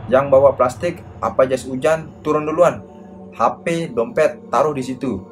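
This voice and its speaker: A man's voice: mid-range voice, moderate pace, lightly acted. A man voicing a stern, angry old village man who barks short, urgent commands, over a noisy background.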